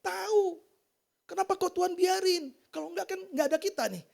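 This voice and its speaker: A man giving an informal sermon testimony to a church congregation, talking in a colloquial, animated way and asking the listeners many rhetorical questions. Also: very high-pitched, moderate pace, vocal fry. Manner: colloquial, slangy delivery. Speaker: church preacher.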